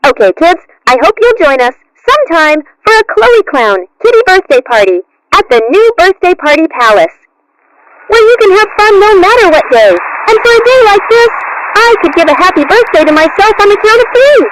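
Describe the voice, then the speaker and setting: Very squeaky, childish clown kitten. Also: female voice, very animated, normal speed, a bit bright, no echo, full character voice, poor audio. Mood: peppy pitching. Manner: bubbly children's-show presenter patter. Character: childish, cheerful female clown kitten party entertainer. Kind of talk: cartoon character acting.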